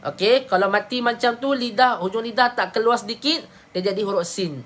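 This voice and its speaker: A woman with a Malaysian Malay accent teaching Quran pronunciation in a live online lesson, patiently drilling syllables slowly for her students to repeat. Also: a little high, a bit bright.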